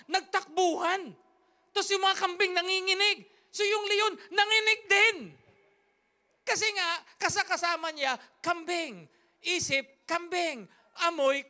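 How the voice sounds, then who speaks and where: Woman preaching at church, bright high voice, hammers the same words over and over. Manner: emphatic, repetitive, rhythmic phrasing. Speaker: pastor. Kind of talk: sermon storytelling. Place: church service.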